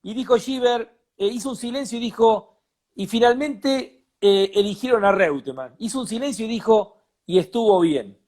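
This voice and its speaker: A man with an Argentine Spanish accent co-hosts a casual motorsport chat, telling anecdotes with animation and repeating himself. His voice is high-pitched and his pace moderate.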